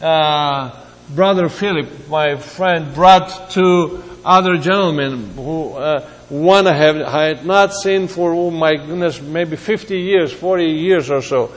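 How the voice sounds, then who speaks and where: A man in his seventies from Greece, giving a halting, reflective sermon with personal asides. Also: fairly high pitch, big-room sound. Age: 70s. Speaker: preacher.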